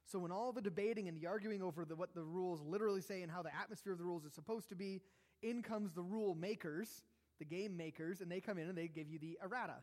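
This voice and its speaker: High-voiced man preaching in a reverberant hall. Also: fast, a little mellow. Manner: self-deprecating, conversational with jokes and asides. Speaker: pastor. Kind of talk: sermon.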